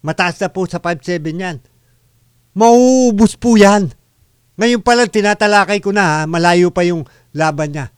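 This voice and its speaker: A Filipino man hosting a radio boxing program, mixing Tagalog and English with frequent filler pauses as he interviews a boxer. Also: high-pitched, clear, resonant tone, dry recording, clean studio sound. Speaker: radio boxing show host.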